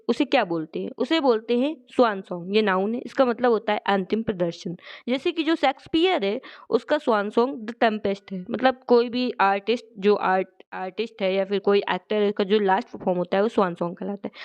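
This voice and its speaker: Woman teaching vocabulary, clear smooth voice. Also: on the high side. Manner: explains each word slowly and step by step, reading English definitions slowly. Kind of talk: exam vocabulary lesson.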